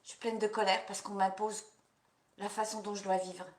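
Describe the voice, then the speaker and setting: A woman's voice: medium pitch, level tone, a little mellow. Woman, EFT practitioner, guided tapping session, repeated affirmations, echoey room. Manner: repeats affirmations slowly, coaching listeners between phrases.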